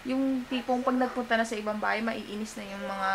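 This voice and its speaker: A woman's voice: a little high, fairly even intonation, brisk, a little hiss or hum, low-quality recording. A young woman vlogging as a first-time mother, cooing baby talk to her toddler and then chatting frankly to the camera at home. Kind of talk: casual home vlog chat.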